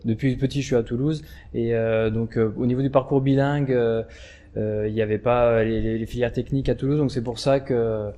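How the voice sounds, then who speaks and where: A man's voice: mid-range voice, warm tone. A man voicing the words of students in an interview, hesitant, with many fillers and restarts. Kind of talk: first-person introductions in interview.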